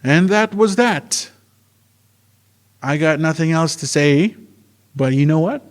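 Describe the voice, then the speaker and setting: A podcast host and narrator with a slightly high, expressive voice tells a story slowly in a plain, informal way before a casual sign-off. Faint music plays behind his voice.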